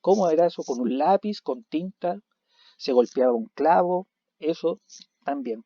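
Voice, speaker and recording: A man teaching a recorded video lesson, animated, asking questions and answering them himself. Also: on the high side, unhurried, no room sound. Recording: dull lo-fi recording.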